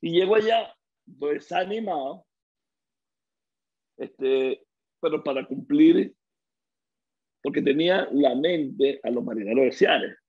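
A middle-aged man with a Venezuelan accent, a guest on an interview show, telling stories in a lively way and acting out the dialogue he quotes. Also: fairly high pitch, takes it slowly, pauses often, breathy edge, muffled recording. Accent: Venezuelan Spanish. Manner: lively storyteller who acts out quoted dialogue. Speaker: guest, former baseball player. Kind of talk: casual interview storytelling.

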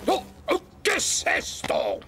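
A man's voice: high voice, wildly swooping pitch, takes it slowly, heavily acted. A man voicing a pompous, stern older fire station officer in a children's cartoon dub, blustery and drawn out. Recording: loud music behind the voice.

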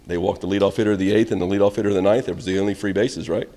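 Middle-aged male coach, deep low voice, candid rambling answers, reverb in the press room. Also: fairly even intonation, rapid-fire. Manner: candid, rambling, trails off quietly at ends of answers. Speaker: college baseball head coach. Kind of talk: postgame press conference. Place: press room in front of a backdrop. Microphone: reporters' phones and handheld mics held close.

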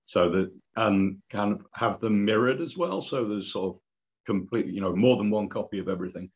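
Low-voiced man on a muffled call. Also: normal speed. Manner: relaxed, with hesitant fillers. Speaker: participant. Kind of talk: video call conversation. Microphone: video call. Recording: muffled video call audio.

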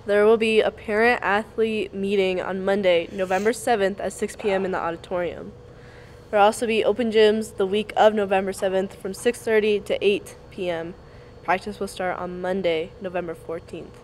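A woman's voice: mid-range voice, normal speed, a little hiss or hum. Giggly teen girl co-announcer. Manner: cheerful, giggly, steady reading. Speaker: student co-announcer. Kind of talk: school morning announcements.

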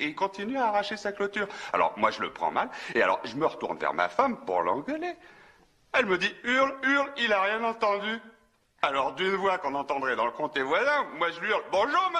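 A man's voice: a little high, sharp tone, breathy edge, full character voice. An actor dubbing a talkative, nervous small-town soda fountain clerk who stumbles and restarts as he tells a story in a classic film. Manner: rambling, eager, stumbling restarts. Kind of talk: dubbed film acting.

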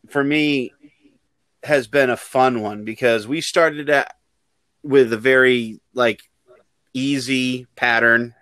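A man's voice: mid-range voice, fairly bright tone, dry recording. A man co-hosting a band podcast in a casual, jokey way. He laughs often as he talks. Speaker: podcast co-host, band member.

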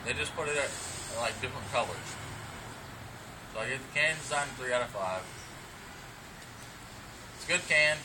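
A young man speaks casually, as in an amateur review, with his lower lip packed with dipping tobacco. His voice is medium in pitch. He is recorded outdoors some way from the camera's mic, with clear noise behind him. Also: moderate pace, long pauses, far from the mic. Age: young adult. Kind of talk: casual vlog review, unscripted. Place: outdoors on front steps of a brick house. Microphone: camera several feet away.

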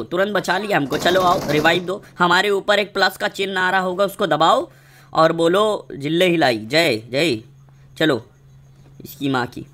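A man's voice: sits high, sharp tone. A man giving live gameplay commentary, full of crude jokes, teasing and playful trash-talk. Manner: playful sing-song riffs. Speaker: gaming streamer.

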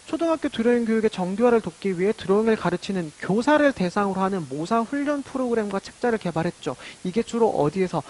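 A man's voice: high voice, poor audio. Korean man giving an exam-prep lecture. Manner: explanatory, asks and answers his own questions. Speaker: art education lecturer.

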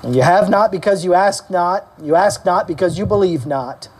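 A male pastor preaching a sermon to his church, animated, questioning the congregation and calling for amens. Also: moderate pace, breathy edge. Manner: animated preaching, acting out quoted voices with rising pitch. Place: church service.

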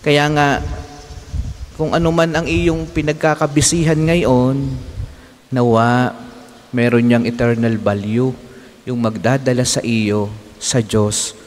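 A young Filipino priest giving a homily in a slow, reflective way, often adding tag questions, speaking into a stand mic in a church. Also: male voice, medium pitch, steady tone, a little hiss or hum. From Philippines. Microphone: stand mic in front of speaker. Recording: long reverb of a church hall.

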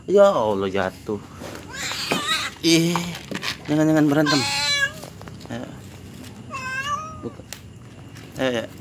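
A man with a gravelly, rough-edged voice talks softly to hungry stray cats, urging them again and again to come closer and eat. He speaks in short, repeated calls in a casual, coaxing way. The recording is noisy, with an outdoor market at night, meowing cats and passing vehicles behind him. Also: on the high side, very animated, slow, pauses often. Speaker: vlogger feeding stray cats. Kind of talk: casual talk to animals.

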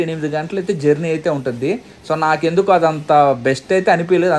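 A man from India vlogging a toy train trip outdoors, chatty and guiding viewers around. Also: sits high. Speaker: travel vlogger. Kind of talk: casual travel vlog narration.

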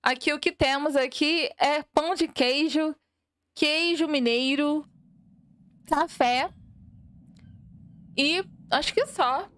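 The recording is dry and clean, studio-grade, carrying a high-pitched, slightly bright female voice that moves slowly and pauses often. She's a young woman from Minas Gerais, Brazil, with a Minas Gerais Portuguese accent, casually chatting as a game streamer while reading the chat aloud and mixing in English.

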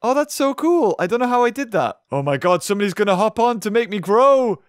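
A man's voice: high voice, lively intonation, quick pace, no room sound, clean studio sound. A young man with a sore throat, casually commenting on a game he is playing and reacting aloud to what happens on screen. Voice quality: rough, hoarse from a sore throat. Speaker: gaming video host.

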